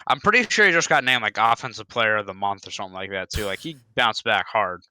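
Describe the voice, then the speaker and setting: A man's voice: on the low side, animated, fast talker, bright, forceful tone, clear, resonant tone. A young man hosting a live podcast, chatting casually about football with many hesitations and restarts. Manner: rambling, hesitant, stops and restarts. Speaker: podcast host. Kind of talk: casual sports chat. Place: home, live online podcast.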